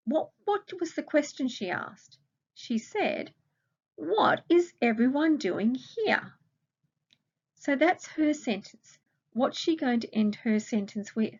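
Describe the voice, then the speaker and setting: Aussie teacher lady doing a recorded grammar lesson, patient, lots of questions to the kids, kinda muffled lo-fi sound. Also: fairly high pitch. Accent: Australian. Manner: slow, patient explaining with questions to the class. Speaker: primary school teacher.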